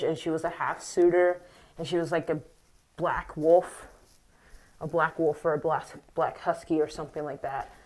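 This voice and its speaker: Low-voiced woman rambling to camera. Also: darkish tone, poor audio. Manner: rambling and hesitant, many fillers and restarts. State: a little squeaky from morning. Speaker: vlogger. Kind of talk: casual rambling monologue to camera. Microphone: wearing a mask.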